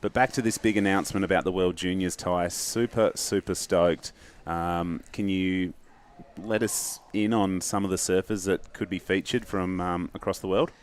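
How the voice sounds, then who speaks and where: Deep-voiced male surf commentator. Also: fairly even intonation, normal speed. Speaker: surf contest commentator and anchor. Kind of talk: live sports commentary from the booth.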